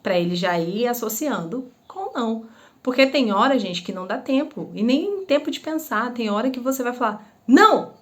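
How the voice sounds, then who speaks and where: A woman's voice: a little high, animated, normal speed. A woman and former teacher talks through parenting advice in an easy, conversational way. She keeps asking rhetorical questions and briefly acts out everyday scenes to make her points. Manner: explains with rhetorical questions and acted-out examples. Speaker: parenting educator; former schoolteacher. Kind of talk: casual advice talk to camera.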